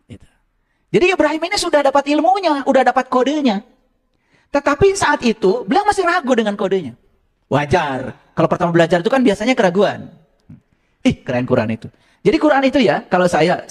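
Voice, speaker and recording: A man preaching a sermon to an audience, teasing his listeners with joking asides and leaping up in pitch when he quotes scripture. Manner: animated, jumping high in pitch for quotes. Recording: hall reverb.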